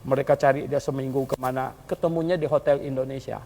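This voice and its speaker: A male pastor preaching a sermon in a colloquial style. He tells a story and often chuckles, and he swings between quiet asides and loud calls to the congregation. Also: mid-range voice, fairly even intonation, brisk, gravelly. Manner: colloquial, chuckles while telling stories.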